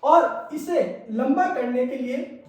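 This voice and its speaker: A man's voice: very high voice, takes it slowly. A man teaching Hindi grammar as a classroom lecture, repeating key points and checking in with his students. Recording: echoey room, mic far off.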